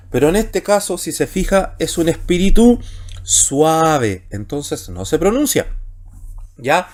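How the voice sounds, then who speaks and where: Man, teacher, lecture style, lively intonation, measured step-by-step explaining. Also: fairly high pitch. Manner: explains slowly, stretching key words, with frequent checking tags. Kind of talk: recorded online class lecture.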